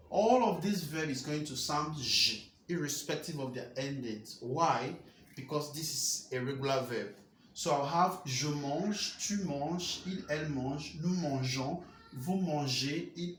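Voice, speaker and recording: A man with a somewhat high voice teaches French verb rules step by step. He repeats key points and checks in with rhetorical questions. The room is echoey, with a faint hum of ambience behind him. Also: fairly bright tone. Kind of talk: explaining grammar lesson.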